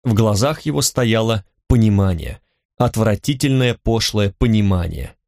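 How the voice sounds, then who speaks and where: A man reading an audiobook in an even, measured scripted narration. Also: on the low side, dry recording, clean studio sound.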